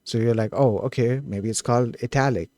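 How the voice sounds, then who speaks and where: A man working through code on a live stream, thinking out loud in an eager, self-correcting way. His voice sits at an ordinary middle pitch and sounds close and dry, with no room behind it. He often breaks off and restarts a thought. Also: fairly even intonation, brisk, no room sound. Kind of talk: thinking aloud while coding.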